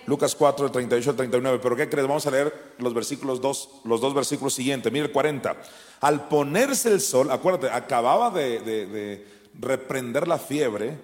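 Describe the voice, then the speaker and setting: A man preaching in a large church hall, his voice carried by a long, ringing reverb. He swings between fiery shouted commands and hushed, low asides, pressing each point home. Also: a little fast. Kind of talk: sermon.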